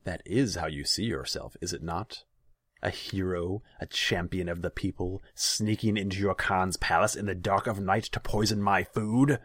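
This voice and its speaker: A man's voice: deep voice, big pitch swings, moderate pace, no room sound, voice pushed up, exaggerated voice. A man voicing a cruel, theatrical male khan who sneers and commands. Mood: sneering.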